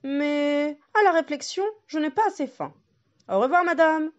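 A woman's voice: high-pitched, normal speed, muffled recording, pitched above the performer's own voice, natural voice. A woman voicing a hungry but sentimental male wolf who muses and grumbles to himself. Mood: musing.

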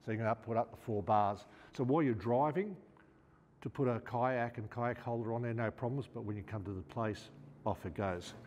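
A man's voice: mid-range voice, normal speed, darkish tone, long reverb tail. A man in his fifties with an Australian accent, chatting casually as he demonstrates gear hands-on in a showroom. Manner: chatty, hands-on, talks while working. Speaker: outdoor gear store presenter. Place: large indoor showroom.

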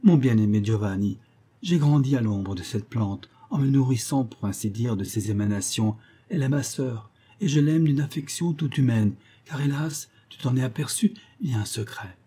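A man voicing a tender young woman raised among poisonous flowers, speaking softly and pleading in a raised voice. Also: normal speed, husky, natural voice. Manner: soft, pleading, raised pitch.

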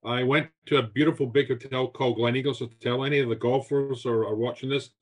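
Speaking from a home room with shelves over a video call, a Scottish guest chef in his sixties animatedly tells stories from his career in interview answers. He repeats words and gestures with his hands, and his mid-range voice is fast and slightly rough.

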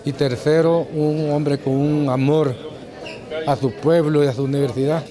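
A man in his sixties speaking deliberately in an interview, laying out his points one by one. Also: fairly high pitch, fairly even intonation, a crowd in the background. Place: indoor event hall.

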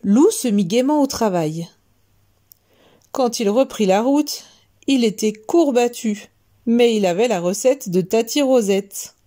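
A woman storyteller reading a children's tale aloud in a gentle, expressive way. Her delivery is slow and unhurried, with a mellow tone, pitched a little high.

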